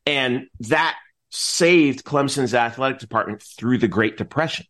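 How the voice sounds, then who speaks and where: Speaking unhurriedly in a mid-range voice, a middle-aged man talks casually as a guest in an interview. He's an announcer and teacher who rambles through animated explanations and keeps interrupting himself mid-thought.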